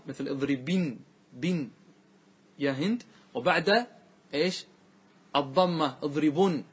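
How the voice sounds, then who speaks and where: A man teaching a grammar lesson to a class, quizzing students with quick questions and reciting verses slowly and drawn-out. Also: fairly high pitch, husky.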